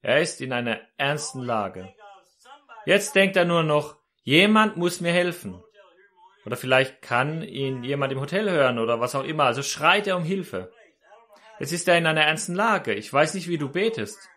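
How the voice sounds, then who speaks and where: A man's voice: fairly high pitch, expressive, moderate pace, bright, forceful tone. A man preaching a sermon, telling a story and speaking directly to his listeners.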